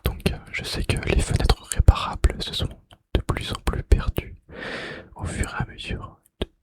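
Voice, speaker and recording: A young man who makes ASMR videos whispers gaming facts in his bedroom, close to the microphone. His voice is breathy and unvoiced with mouth sounds, a little out of breath, and he slowly repeats phrases.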